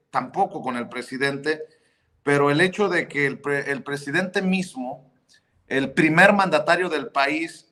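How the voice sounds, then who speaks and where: A man's voice: on the high side, sharp tone. A man with a Mexican accent hosting an online talk show, blunt and joking with colloquial swearing. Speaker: host.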